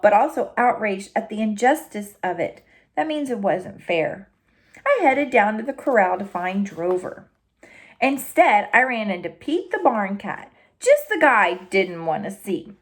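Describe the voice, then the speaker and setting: A woman teacher reads a children's novel aloud to a class, expressive throughout. Her voice sits a little high, and she stops now and then to explain a word.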